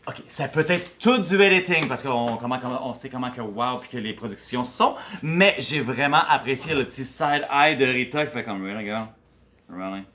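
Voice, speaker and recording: A man's voice: mid-range voice, brisk, hardly any pauses, pushed and bright. Slangy Quebec French man, faint background noise. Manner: slangy, switches between French and English. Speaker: drag show review co-host. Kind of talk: casual bilingual chat.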